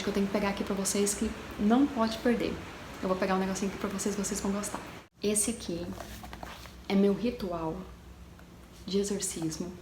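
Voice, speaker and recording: A woman telling a haunting story in a casual, chatty way, talking straight to her viewers and dropping to a hushed tone for the eerie parts. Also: medium pitch. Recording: echoey room with background noise.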